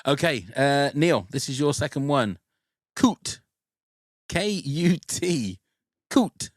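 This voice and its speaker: A man hosting a casual podcast quiz, playful and quick to laugh. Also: mid-range voice, expressive, dry recording, clean studio sound. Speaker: podcast host running a quiz.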